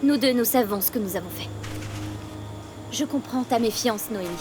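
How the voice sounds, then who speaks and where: An earnest young woman reassuring her companions, voiced by an actress in a dubbed series. Her voice is a little high, with background music beneath. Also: moderate pace, close to an everyday voice. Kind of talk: dubbed telenovela acting. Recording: music playing underneath.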